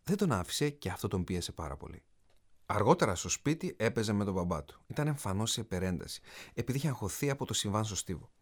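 A man's voice: on the low side, sing-song. A man, an author and coach, narrating a self-help audiobook in an emphatic way, speaking straight to the listener. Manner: emphatic, addresses the listener directly.

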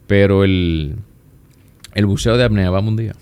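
A man with a Dominican accent, chatting as a guest and telling stories in a relaxed, easygoing way. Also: deep voice, normal speed, clean tone. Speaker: guest, plastic surgeon. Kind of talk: casual conversation.

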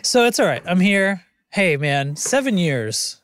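A man's voice: sits high, big pitch swings, a little slow, fairly bright tone. A man in his thirties co-hosting a podcast, chatting casually and rambling through jokey stories. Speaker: podcast co-host. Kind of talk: casual chat.

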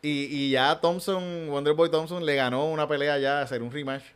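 A man's voice: fairly high pitch, steady tone, moderate pace, smooth. A man with a Puerto Rican accent chatting casually about MMA fights as a podcast co-host, rambling and repeating his words. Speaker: podcast co-host, improv comedian.

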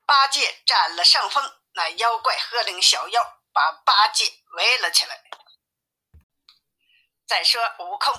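Bright-voiced woman reading a storybook. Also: mid-range voice, animated, a little slow, slightly rough. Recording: tinny phone-like sound.

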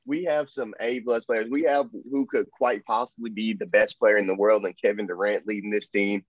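A man's voice: fairly low pitch, fairly even intonation, moderate pace, no echo. A man talking basketball in a casual sports chat, upbeat and full of hype with plenty of fillers. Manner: enthusiastic, hyping, trails off with fillers. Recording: dull, dry lo-fi sound.

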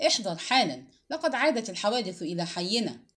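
A woman voicing an enraged police chief who barks his reproaches in a raised, lively voice. The pitch leaps up and down as he yells at his officer in this storybook reading. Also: quick pace. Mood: angry shouting. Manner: shouting, reproachful. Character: angry male police chief boss.

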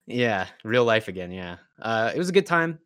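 A tired man, slightly hoarse from yelling, hosting a podcast in casual chat. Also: fairly low pitch, very animated, normal speed. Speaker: podcast host.

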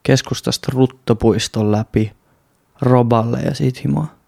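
Gravelly-voiced young man, swearing casually. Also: medium pitch, fairly even intonation, darkish tone, no echo, clean studio sound. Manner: rambling, swears a lot, self-deprecating. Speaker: podcast host. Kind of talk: casual solo podcast monologue. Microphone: studio mic close up.

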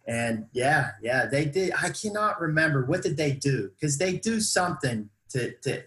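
A man who coaches wrestling, telling stories in an emphatic, animated way during a casual chat. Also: a little high, moderate pace, echoey room, poor audio.

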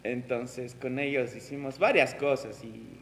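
A man's voice: mid-range voice, fairly even intonation, unhurried, vocal fry, a bit bright, big-room sound, a little hiss or hum. A young man, chatting casually and fondly about school friends. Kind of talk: casual chat.

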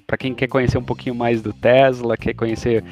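A man with a Brazilian Portuguese accent speaks at a medium pitch as a podcast co-host. He explains things in a casual, informal chat style, often adding tag questions. There is faint music with his voice. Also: flat delivery, a little fast, darkish tone.

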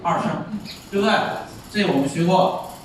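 A man teaching a Chinese class, explaining tones by slowly acting out example words. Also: high-pitched. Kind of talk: classroom lecture. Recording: echoey room, far mic, faint noise.

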